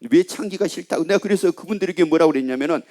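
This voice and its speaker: Animated, high-voiced man preaching a sermon. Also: rapid-fire. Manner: animated, acts out voices of people and the devil in the sermon. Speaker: pastor. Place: church sanctuary.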